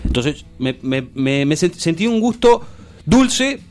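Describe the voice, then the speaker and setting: Lively uruguayan man telling a story. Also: slow. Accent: Uruguayan Spanish. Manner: animated, acts out dialogue in a low voice. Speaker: radio show host. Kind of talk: casual storytelling on air.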